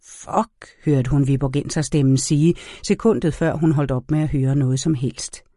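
Mellow, dry-voiced male narrator. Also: mid-range voice, steady tone, no echo. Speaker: audiobook narrator. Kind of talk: scripted narration.

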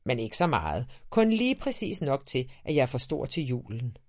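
A man's voice: medium pitch, very animated, pitched above the performer's own voice, natural voice. A man voicing a grumpy, defiant little boy in a children's audiobook, sounding scornful and stubborn. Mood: boastful. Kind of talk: audiobook character reading.

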